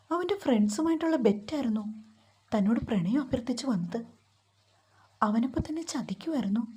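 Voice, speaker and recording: Brief: female storyteller, mellow and husky, a touch high-pitched. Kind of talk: storybook narration.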